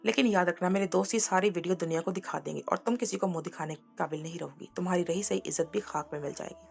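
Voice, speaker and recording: A woman reading as a menacing, gravelly aging servant. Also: on the low side, fast talker, a little mellow, faint music behind. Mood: threatening. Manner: threatening, gloating. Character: menacing male servant in his fifties who looks elderly, blackmailer.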